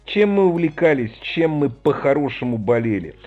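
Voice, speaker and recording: Man, 50s, radio host, call-in chat, joking, husky, faint music under him. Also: on the high side, big pitch swings, moderate pace, darkish tone, lo-fi sound. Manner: chatty, jokey, reminiscing.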